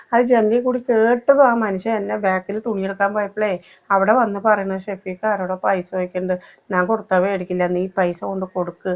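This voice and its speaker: A woman's voice: medium pitch, close to an everyday voice. A woman with a Malappuram Malayalam accent playing a worried mother who pleads with and scolds her grown son in an amateur family short film. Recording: slightly dull lo-fi recording. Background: faint music.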